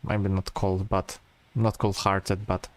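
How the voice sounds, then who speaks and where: A man giving relaxed, rambling gameplay commentary, full of fillers and restarts. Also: low voice, slow. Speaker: gameplay streamer.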